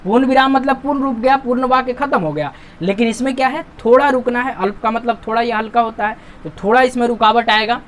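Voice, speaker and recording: A man's voice: extremely high pitch, fairly bright tone. Guy teaching grammar, patient, keeps asking then answering his own questions, bit of faint noise behind. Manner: patient, repeats points and asks himself questions to answer them; reads example sentences slowly and with emphasis. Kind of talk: classroom-style lesson explaining on-screen examples.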